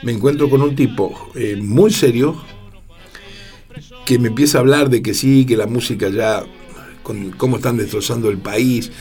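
A man with a Rioplatense Spanish accent, a record producer telling lively anecdotes in an interview and acting out the voices of the people he quotes. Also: medium pitch, normal speed, soft background music. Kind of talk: storytelling interview.

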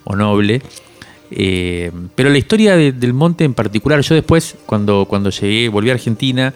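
This Cuban author in his forties has a medium-pitched, expressive and clean voice, with faint music in the background. He speaks reflectively during the interview, often halting as he searches for words.

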